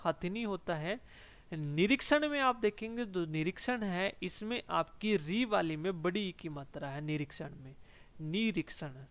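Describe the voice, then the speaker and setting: A man teaching a spelling lesson for exam prep, saying each word slowly twice and tagging lines with "ठीक है". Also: sits high, fairly bright tone.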